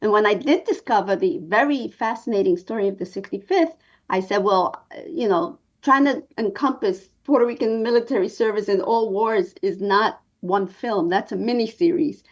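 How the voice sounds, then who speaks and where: A woman in her sixties from New York, a documentary producer telling her story in an interview with an earnest, measured manner and many pauses. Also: medium pitch, highs cut off.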